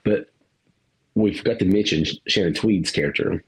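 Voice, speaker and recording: A deep, breathy male voice at a moderate pace comes through a rough recording. He's an adult parent co-hosting a podcast, wandering through a movie review in casual conversation with occasional laughter and swearing.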